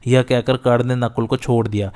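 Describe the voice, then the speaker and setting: A man narrating an ancient epic battle story in a steady, measured reading. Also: mid-range voice.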